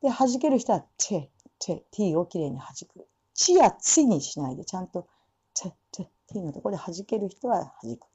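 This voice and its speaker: A woman teaching English pronunciation for singing, with relaxed explanations and slow spoken demonstrations of English words. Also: medium pitch, husky. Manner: demonstrates English sounds slowly between explanations. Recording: dull lo-fi sound.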